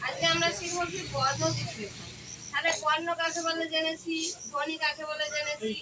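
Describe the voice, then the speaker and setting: A woman's voice: high-pitched, fairly even intonation, a little fast. A woman tutor teaching a grammar lesson to young pupils, drilling them with repeated questions. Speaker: tuition teacher. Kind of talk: classroom grammar lesson with children. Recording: distant mic with outdoor noise.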